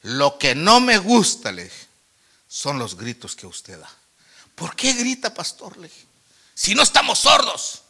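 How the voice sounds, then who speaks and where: A male preacher, gravelly and bright-toned, whose high voice leaps up and down as he preaches. He tells his testimony with acted-out quotes and calls the congregation "brother," rising to loud exhortation and then dropping to near-whispers. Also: huge pitch swings, measured pace. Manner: storytelling with quoted dialogue, swinging between loud exhortation and hushed asides; addresses listeners as "hermano". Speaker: pastor. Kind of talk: sermon.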